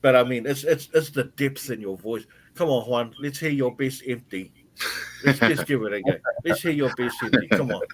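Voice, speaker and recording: A man's voice: medium pitch, normal speed. A man with a New Zealand accent, chatting casually and joking on a podcast. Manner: laid-back, joking, calls people bro. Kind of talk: casual chat.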